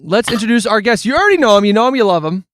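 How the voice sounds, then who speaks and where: A man hosting a podcast, joking through casual banter in a playful, quick way. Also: sits high, very animated, a bit bright, no echo. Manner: playful, quick, talks over his co-host. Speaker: podcast host.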